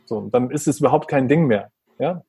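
A man's voice: mid-range voice, animated, brisk, gravelly, dark tone, slightly rough, dry recording. A man who is a father, talking earnestly about how he treats his young son and acting out their exchanges. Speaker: parent talking about parenting. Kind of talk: reflective conversational talk.

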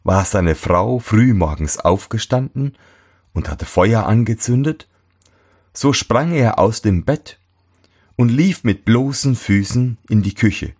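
A male storyteller reads a fairy tale slowly and expressively, his low voice moving through a wide, lively range. The tone has a husky, slightly breathy grain. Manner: expressive, voices each character. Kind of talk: scripted fairy-tale reading.

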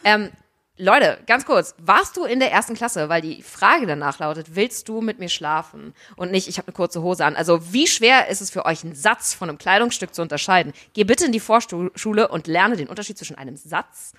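A woman's voice: fairly low pitch, lively intonation, pushed and bright. Woman cohosting a podcast, emphatic and opinionated, chatty. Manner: emphatic and opinionated, quick asides. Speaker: podcast co-host. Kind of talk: casual chat.

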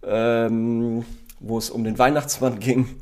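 A man chatting casually about favourite words, rambling with many fillers and quick bursts of speech. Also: medium pitch, little pitch movement. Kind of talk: casual chat.

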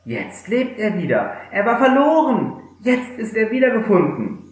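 A man's voice: a little high, wildly swooping pitch, slow pace, pitched above the performer's own voice, heavily acted. A man voicing a joyful forgiving father. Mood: jubilant. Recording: very echoey room.

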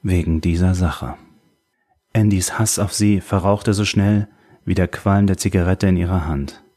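Male audiobook narrator, calm, scripted narration, deep voice, husky. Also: moderate pace.

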